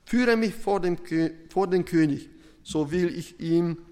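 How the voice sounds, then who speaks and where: Slow, deliberate preacher in a reverberant hall. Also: male voice, sits high, warm tone. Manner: slow, deliberate, with pauses and emphatic rises. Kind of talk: sermon with Bible reading.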